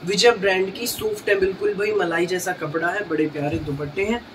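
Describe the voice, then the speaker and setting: Eager high-pitched salesman, distant mic. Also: fairly even intonation, fairly quick. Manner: eager, repetitive teleshopping-style patter, addressing viewers as brother. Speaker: shop seller presenting products on own video channel. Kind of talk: sales pitch, product showcase. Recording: noisy, distant microphone.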